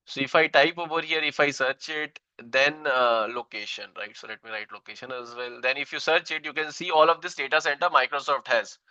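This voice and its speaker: An Indian English-accented man in his thirties runs an online tech lesson, circling back over his points and tagging them with "right?". His voice is very bright and clean, pitched a bit high for a man. The recording is dry but somewhat dull and lo-fi. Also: fairly even intonation, brisk, hardly any pauses, no echo. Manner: repeats himself, frequent "right?" tags. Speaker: instructor.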